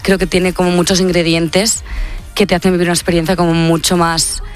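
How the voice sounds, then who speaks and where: Soft music sits behind a young woman from Catalonia, Spain, a singer appearing as a guest in a casual radio interview. She's upbeat and talkative with many fillers, though her low voice has a flat delivery and runs a little fast.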